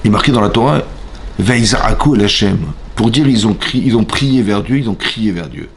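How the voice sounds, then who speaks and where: A man with a French accent, a rabbi giving an animated Torah class in a synagogue, questioning his listeners and acting out voices. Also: lowish voice, normal speed. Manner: animated, asks the audience questions, acts out voices. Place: synagogue hall.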